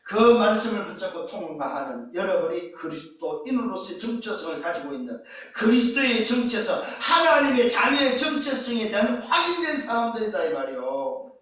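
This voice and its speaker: A man's voice: high-pitched, very animated, moderate pace, a bit bright. A man preaching a sermon as pastor, emphatic, firing rhetorical questions at the congregation. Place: church sanctuary. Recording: echoey church hall from far off.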